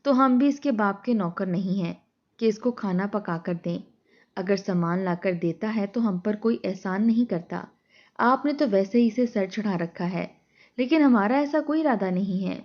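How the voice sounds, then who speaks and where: A woman's voice: medium pitch, lo-fi sound, natural voice. A woman playing a sarcastic scolding sister-in-law. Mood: scornful. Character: sharp-tongued young sister-in-law, resentful.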